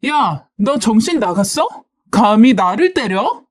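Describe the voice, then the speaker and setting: A woman voicing a shrill, furious young woman. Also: expressive, normal speed, lightly acted. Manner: yelling, accusing. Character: hot-tempered young woman, rude and shouting.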